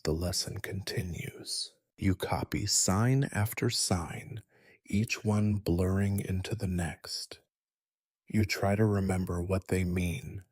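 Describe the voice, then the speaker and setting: A man narrating a sleep story in a soft, gentle whispered role-play, close to the mic. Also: deep voice, steady tone, slow, husky, no echo.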